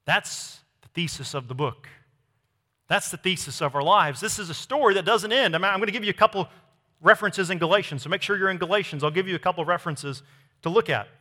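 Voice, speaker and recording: Male pastor, high bright voice, emphatic sermon delivery, long hall reverb. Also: a little fast. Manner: emphatic preaching, swings from loud to hushed.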